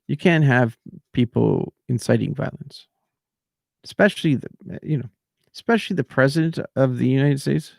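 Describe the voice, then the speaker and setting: Gravelly man rambling on a livestream. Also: mid-range voice, moderate pace, a little mellow, no room sound, clean studio sound. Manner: ranting, repetitive, trailing off. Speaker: livestream host.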